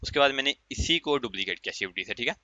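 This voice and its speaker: A man teaching a software tutorial in a chatty, step-by-step way, with an Urdu-inflected accent and many fillers. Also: medium pitch, lively intonation, fast talker, dry recording. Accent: Urdu-inflected Hindustani. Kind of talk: casual screen-recorded tutorial. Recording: dry, muffled lo-fi mic.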